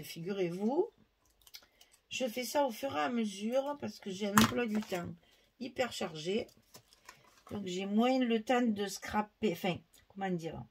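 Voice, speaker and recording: A woman talks through a scrapbooking tutorial at her craft table. Her voice sits a little high, and her delivery is chatty and lively, with easy laughs between steps. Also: husky.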